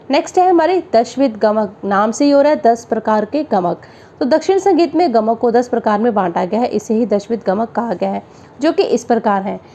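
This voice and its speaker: A woman's voice: on the high side, mellow, highs cut off. Woman teacher quizzing with rhetorical questions. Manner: explains with rhetorical questions, then answers them; sings out note syllables as examples. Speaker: music theory teacher. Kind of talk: exam-prep lecture.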